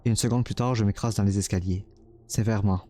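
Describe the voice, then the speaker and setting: A man's voice: lowish voice, steady tone, fast talker, warm tone, close to an everyday voice. A man reading a game's first-person narration as a tormented young man, dramatic and stumbling over words now and then. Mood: anguished.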